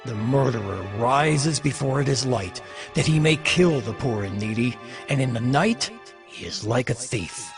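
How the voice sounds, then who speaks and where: A solemn biblical sufferer, played by a man, laments in a bitter, defiant voice of middling pitch. The delivery is declamatory, in the manner of dramatized scripture, with prominent music underneath. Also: animated, measured pace. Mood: indignant lament. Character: Job, suffering man, bitter, anguished, defiant before God.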